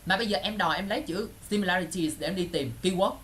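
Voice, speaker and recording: A man's voice: high-pitched, fairly bright tone, a little hiss or hum. A man teaching an English exam class, constantly checking that his students are following. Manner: keeps checking students follow with quick questions. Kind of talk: lively online class teaching.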